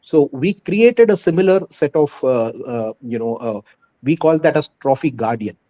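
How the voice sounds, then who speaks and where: A man's voice: medium pitch, lively intonation, normal speed, mellow. A man with an Indian accent giving earnest, emphatic answers in a conversational interview as a school head, often repeating phrases for stress.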